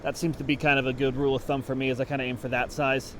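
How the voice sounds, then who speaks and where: A man's voice: medium pitch, level tone, rapid-fire, slight background noise. A man explaining fly fishing technique while fishing outdoors, talking casually and thinking aloud. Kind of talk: on-the-water instruction. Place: outdoors at a creek.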